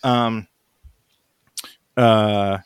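A man's voice: on the low side, flat delivery, very slow, clean tone, no room sound. A man hosting a podcast, chatting casually about sports in a rambling, exasperated way, his voice sounding tired. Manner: rambling, exasperated, heavy use of "like". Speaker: podcast host.

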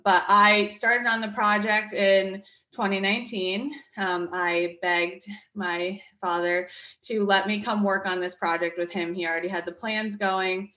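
A woman's voice: on the low side, sharp tone, echoey room. A woman in her thirties from Connecticut, a guest talking about her market project in a chatty interview, with lots of fillers and restarts. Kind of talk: conversational interview.

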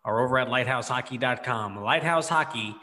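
Bright, forceful man hosting, reverberant sound. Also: mid-range voice, brisk. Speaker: podcast host. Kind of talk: sports podcast hosting.

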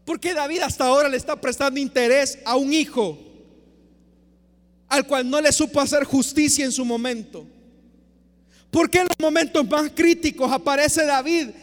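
A male preacher gives an impassioned sermon full of rhetorical questions, moving between loud and soft. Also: extremely high pitch. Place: church. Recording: long church reverb.

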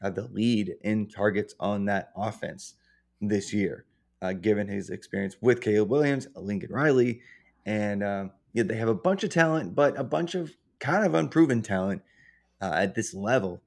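A man's voice: lowish voice, moderate pace, vocal fry, darkish tone. A man co-hosting a podcast, thinking aloud about football with many fillers. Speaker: podcast co-host. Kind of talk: casual sports chat.

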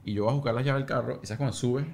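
A man, a podcast guest and father, telling an animated story and acting out what others said. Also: medium pitch, rapid-fire, gravelly. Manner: animated, acts out quotes, swears on it. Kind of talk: casual storytelling.

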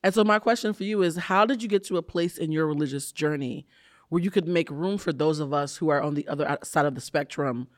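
A man hosting a casual interview, expressive and gushing, laughing often with his guest. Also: fairly high pitch, fast, no room sound, studio quality. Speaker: podcast host.

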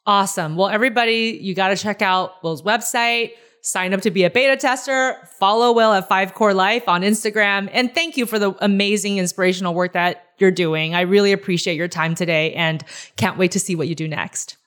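Encouraging female podcast host, mid-pitched, eager delivery. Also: fairly quick. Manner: warm, enthusiastic, encouraging. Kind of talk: interview hosting and advice segment.

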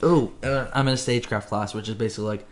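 A man's voice: lowish voice, fairly even intonation, quick pace. A young man co-hosting a podcast, chatting casually in a laid-back, rambling way and laughing often. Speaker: podcast co-host. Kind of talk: casual chat.

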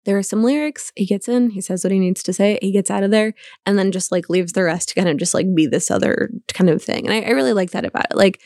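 A woman's voice: mid-range voice, fast talker, hardly any pauses, a little mellow, dry recording, studio quality. A woman guest on a podcast roundtable, talking casually with lots of fillers and laughs. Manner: laughing, filler-heavy, joking.

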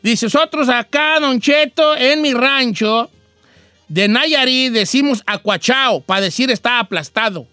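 A man's voice: very high-pitched, unhurried, no echo, faint music behind. A man with a western Mexican accent hosting a casual radio chat, acting out quoted dialogue as he tells stories. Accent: Mexican, western (Michoacán area). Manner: animated storyteller, acts out quoted dialogue. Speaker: radio host.

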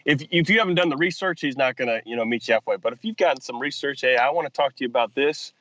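A man's voice: mid-range voice, fast talker, a bit bright, lo-fi sound. A man who is a football offensive coordinator, explaining his work in a podcast interview, often restarting sentences with fillers. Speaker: football offensive coordinator and quarterbacks coach, guest.

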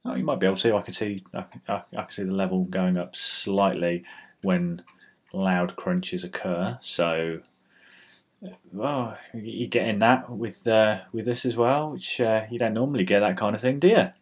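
A British man with a slightly low voice chats off the cuff as the host of a homemade weather show. He is dry and grumbling, full of mock exasperation. It is recorded on a laptop's built-in microphone. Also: moderate pace. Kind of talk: rambling casual solo chat.

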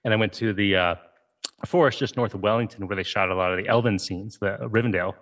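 Low-voiced man telling a story easygoingly. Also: fairly even intonation, fast, a bit bright. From Ohio, USA. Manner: easygoing storytelling, frequent "you know" and "right?". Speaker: guest, game creator. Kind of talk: conversational interview.

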